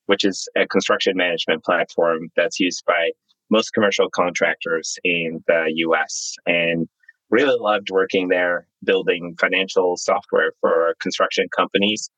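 A man's voice: sits low, dry recording, dull audio. A man in his thirties from Zimbabwe, a startup founder telling his story candidly as an interview guest. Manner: candid, relaxed, storytelling with fillers.

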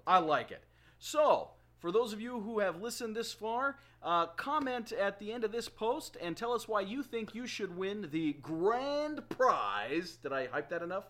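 High-voiced, jokey male podcast host. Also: animated, moderate pace, pushed and bright. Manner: laughing, joking, promo-style hype. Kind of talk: casual podcast chat.

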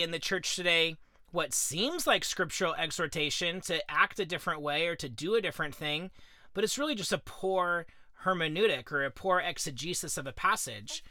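A man's voice: high-pitched, moderate pace, bright, forceful tone, no room sound, studio quality. A man co-hosting a casual faith podcast, speaking earnestly and with emphasis, often checking in with "right?". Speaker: podcast co-host.

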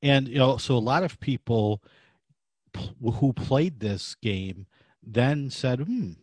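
A man's voice: mid-range voice, lively intonation, slow pace, a little mellow, no room sound. A man hosting a podcast in casual conversational talk. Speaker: podcast host.

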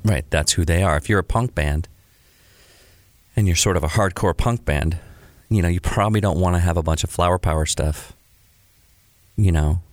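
A man's voice: deep voice, normal speed, pauses often, no room sound. A man co-hosting a music podcast in casual chat, explaining points earnestly and agreeing often. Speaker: podcast co-host.

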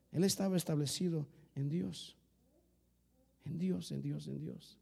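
A male pastor preaching a sermon, often calling the listeners "hermano" and swinging between loud emphasis and quieter stretches. The sermon comes from an older archived church recording. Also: a little high, creaky. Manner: preaching with rising and falling emphasis, repeating "hermano".

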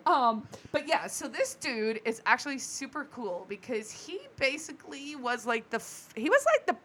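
A woman's voice: high voice, big pitch swings, normal speed, fairly bright tone, slightly rough. A woman co-hosting a podcast in casual chat, laughing often and trailing off into restarts. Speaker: podcast co-host. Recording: faint background noise.

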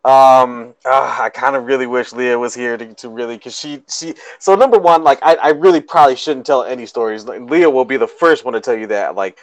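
A man's voice: mid-range voice, a little fast, hardly any pauses, no echo, low-quality recording. A man co-hosting a casual chat, rambling through a story with many ums, restarts and frequent laughs. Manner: laughs often. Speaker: podcast co-host.

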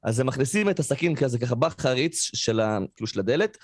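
A man's voice: mid-range voice, no room sound, clean studio sound. A man telling a story on a podcast. He talks casually and fills it with fillers, and he acts out the people he quotes. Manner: animated, acts out quoted voices, frequent fillers. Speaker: podcast co-host.

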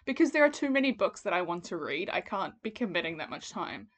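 A woman's voice: fairly low pitch, sing-song, fast talker. Wry woman podcast co-host. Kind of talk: casual book chat.

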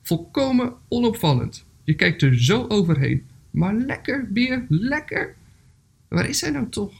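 Someone putting on a high, fussy storybook ant. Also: very animated, measured pace, vocal fry, slightly rough, exaggerated voice. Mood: fussing. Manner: higher, eager voice. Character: scheming little ant, secretive and fussy.

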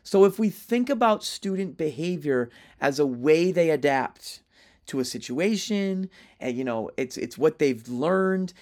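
A man with a slightly higher voice gives an instructional talk to other teachers. He keeps it conversational, tosses in "right?" to check in, and often restarts his sentences. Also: lively intonation, a little slow, darkish tone.

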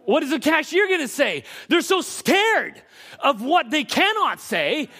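A man preaching a sermon in a church service, emphatic, shifting between quick asides and bursts of raised voice. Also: very high voice, big pitch swings, sharp tone. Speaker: pastor.

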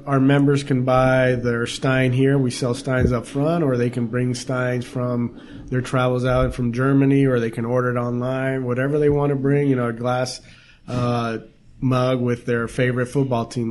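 A man's voice: medium pitch, flat delivery, moderate pace, a little mellow, slight background noise. A man who runs a restaurant and brewery, talking casually and proudly in an interview about what he serves, recorded in a small restaurant. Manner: proud, explains details at length.

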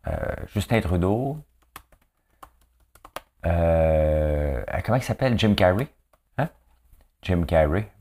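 Here the host's voice sits low with a darkish tone, nasal and marked by a Quebec French accent. He keeps the commentary monologue light and joking, chatting freely and filling his sentences with "hein".

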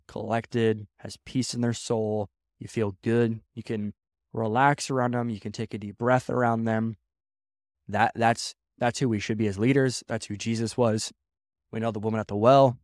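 A man's voice: medium pitch, a little mellow, no room sound, clean studio sound. A man speaking as a pastor, giving a casual sermon-style talk on leadership, repeating phrases and acting out quoted voices.

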